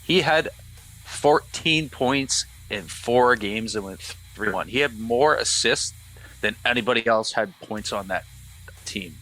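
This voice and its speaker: A man's voice: medium pitch, slow, pushed and bright, poor audio. A man co-hosting a casual gaming recap stream, joking around and reading out game stats. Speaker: co-host. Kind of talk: casual live-stream chat.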